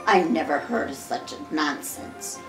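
A woman's voice: lively intonation, slow. Woman doing a grumpy Santa Claus. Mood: muttering. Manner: booming, stern and complaining. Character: grumpy indignant Santa Claus, old man. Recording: echoey room, far from the mic, music behind.

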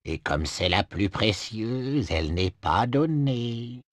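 An actor playing a big, sly, money-grubbing bear merchant with unhurried, smugly genial sales patter in a video game. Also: male voice, lowish voice, lively intonation. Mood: smug, instructive. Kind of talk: cartoonish video game acting.

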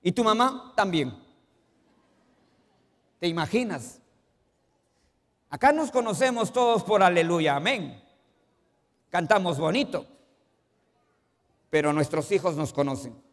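High-voiced pastor preaching in a reverberant church. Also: male voice, expressive, a little slow, long pauses. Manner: asks the congregation questions, swings between loud emphasis and quiet asides. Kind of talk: sermon. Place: church sanctuary.

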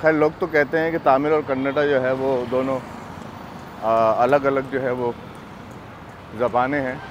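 A middle-aged Pakistani travel vlogger narrates casually while walking a busy city street, speaking in a mid-range voice with little pitch movement. He's unhurried and chatty with plenty of fillers, and his clip-on lapel mic picks up outdoor street noise and traffic.

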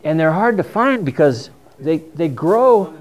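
A middle-aged man with a New England accent, fairly high-pitched and swinging widely in pitch, teaches a foraging class at a measured pace. He's a chatty, enthusiastic mushroom foraging instructor giving a casual talk with slides in a dim classroom with a projector screen, picked up by a distant camera mic.

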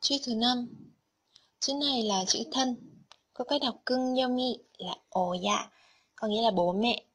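Slow, breathy woman teaching Japanese vocabulary. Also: a little high. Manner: slow, careful explanation of vocabulary and kanji. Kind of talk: scripted lesson narration.

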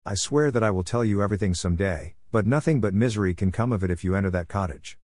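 A man's voice: fairly low pitch, fast, darkish tone, dry recording, clean studio sound, natural voice. A man voicing a frightened young wife who pleads desperately, in an audiobook reading. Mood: pleading.

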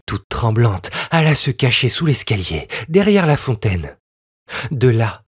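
Husky man reading a fairy tale. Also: mid-range voice, no room sound, studio quality. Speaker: audiobook reader. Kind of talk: scripted storybook narration.

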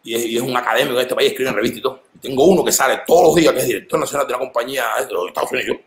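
Fast-talking Cuban man, animated and emphatic. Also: creaky, roomy sound. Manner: animated and emphatic, with big swings in pitch. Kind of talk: casual conversation.

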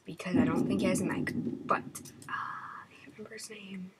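A woman's voice: medium pitch, steady tone, a little fast, low-quality recording. A woman giving horror game commentary, nervous and jumpy, often dropping into half-whispered asides. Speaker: gamer. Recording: loud background noise.

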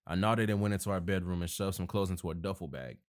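A man's voice: low-pitched, quick pace. A man narrating a horror story, reading casually with self-corrections and joking asides.

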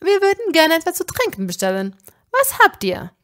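A woman's voice: a little high, big pitch swings, measured pace, a bit bright, heavily acted. A woman voicing a cheeky, carefree young male wizard in a breezy, teasing way. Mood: pushy.

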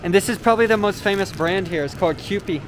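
A man with a high-sitting voice talks fast as he hosts a vlog from inside a large supermarket, casually describing products along the way. His tone is easygoing and explanatory, peppered with "uh." Store ambience fills the background of the recording, captured on the handheld camera mic he walks with.

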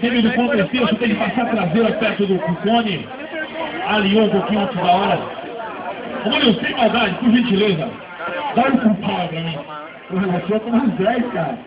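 A Brazilian man announces live motorsport at a drift show, mixing commentary with informal, chatty banter for the crowd. His high voice comes at a moderate pace over loud music, heard from the spectator stands of an outdoor track as a muffled, echoey, distant PA. Loud car and engine noise surrounds him.

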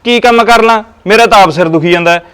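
A man's voice: high voice, quick pace, fairly bright tone, clear, resonant tone. A man playing an exasperated husband caught between his wife and his mother, bickering with both. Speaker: husband and son. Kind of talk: village comedy drama.

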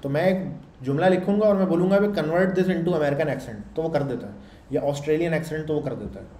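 A programming instructor teaches in a casual lecture style, his warm voice a little high and a little fast. He checks in with listeners through phrases like "samjh rahe ho" and "theek hai," and the echoey room has a faint hum.

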